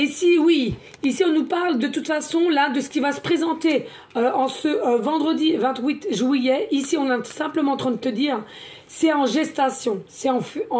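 A woman talks through a tarot card reading. She is chatty, repeats words and fills pauses as she goes. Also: high voice, a little mellow. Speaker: card reader, medium.

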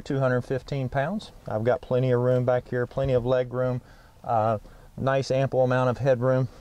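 A man's voice: medium pitch, darkish tone. Middle-aged man presenting, noisy outdoor ambience. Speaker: aircraft salesman presenting a listing. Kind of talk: sales walkaround presentation. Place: outdoors on an airfield tarmac and inside a small plane cabin.

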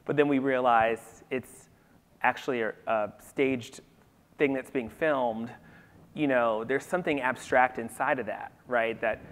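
A man talks on a literary festival panel, his voice at a middling pitch. He thinks aloud in an animated way, peppering his points with "you know". The sound carries a long reverb, the kind a large hall gives. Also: measured pace. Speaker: panelist discussing theater.

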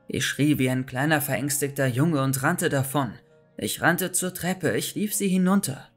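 A man with a mid-range voice reads a scripted horror story aloud in a tense, dramatic way. He breaks into shouts whenever his character calls out.

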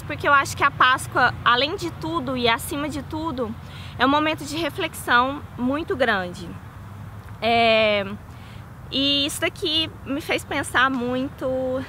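A young woman with a high-pitched voice and a Brazilian Portuguese accent speaks to her viewers as a vlogger. She is recorded outdoors, with clear ambient street noise behind her voice. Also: bright, forceful tone, low-quality recording. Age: young adult. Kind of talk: casual video message and poem reading. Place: outdoors in a park or garden.

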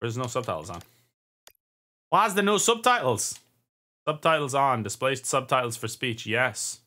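Bright-voiced man commenting on gameplay. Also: medium pitch, big pitch swings, normal speed, slight background noise. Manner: chatty, swears casually, thinks aloud. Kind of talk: casual let's-play commentary. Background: game sounds and music.

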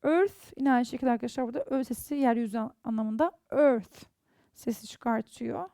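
A woman's voice: fairly high pitch, moderate pace, vocal fry, warm tone, no room sound, studio quality. A woman with a Turkish accent teaching an online English lesson, carefully reading out example words one by one.

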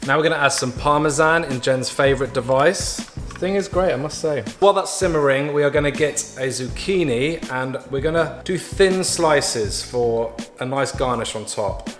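A man's voice: medium pitch, normal speed, hardly any pauses, a bit bright. A man chatting casually as he cooks in his home kitchen, with playful asides and small jokes. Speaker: home cook, vlog regular. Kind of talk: casual cooking walkthrough. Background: background music.

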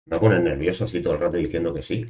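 A man's voice: low-pitched, rapid-fire, dark tone. A man, chatting playfully on a live stream as he draws, repeating himself and bossing a toy around. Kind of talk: casual live-stream chat while drawing.

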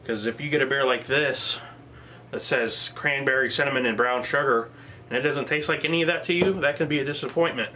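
A man's voice: mid-range voice, brisk, bright, forceful tone, slight background noise. Plainspoken man reviewing beer. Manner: plainspoken, modest, thinks aloud. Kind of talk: casual product review vlog.

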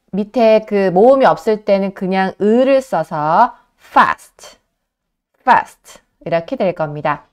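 A patient woman teacher walks students through phonics at an unhurried pace, sounding out each letter. Her pitch moves around a lot as she talks. She often poses a question and then answers it herself. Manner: patient, spells out letters slowly; asks rhetorical questions and answers them. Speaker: English teacher.

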